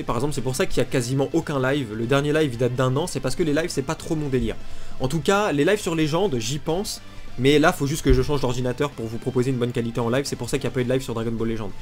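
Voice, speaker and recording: A man with a blocked, nasal, congested voice, giving blunt, casual, unscripted gaming commentary. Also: medium pitch. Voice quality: nasal, blocked-nose sound. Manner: blunt, informal griping. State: congested from pollen allergy. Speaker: gaming video creator. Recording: music behind the voice. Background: music.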